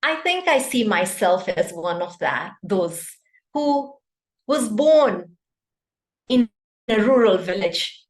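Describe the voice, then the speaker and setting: A woman's voice: mid-range voice, very animated, takes it slowly. A woman from Kenya, giving a prepared speech over a video call and often putting questions to her audience. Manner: interactive, poses questions to the audience. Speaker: club speaker. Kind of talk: prepared speech at an online meeting. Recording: echoey room.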